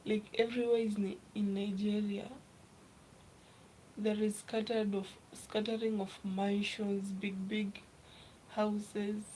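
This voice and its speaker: A young woman from Kenya chatting casually on a live stream, reading viewer comments aloud and often dropping to a soft, half-whispered voice. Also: mid-range voice, little pitch movement, slow pace, slight background noise, low-quality recording. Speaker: livestreamer.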